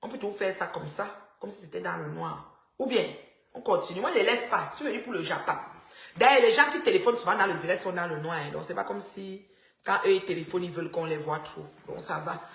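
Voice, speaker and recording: A woman, chatting and teasing her viewers on a phone live stream from a dark house. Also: fairly low pitch, fast, gravelly, roomy sound. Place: house with the power cut.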